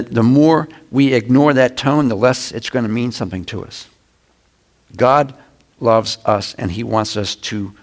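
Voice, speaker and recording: A middle-aged man, a pastor, preaching a conversational sermon with sudden loud shouts. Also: medium pitch.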